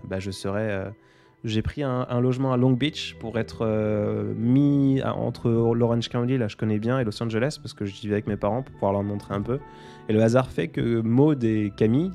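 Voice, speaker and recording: A man's voice: fairly low pitch, dark tone. A man in his twenties hosting a casual live Q&A, rambling and hesitant with lots of fillers, poking fun at himself. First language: French. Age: 20s. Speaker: live stream host. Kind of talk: casual live Q&A answering viewer comments.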